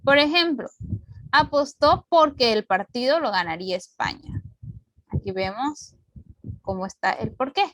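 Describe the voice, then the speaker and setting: A woman teacher giving a recorded online grammar lesson, explaining patiently and clearly with example sentences, into a computer mic. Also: sits high, expressive, unhurried, long pauses, a bit bright, no echo, poor audio. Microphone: computer mic on video call recording.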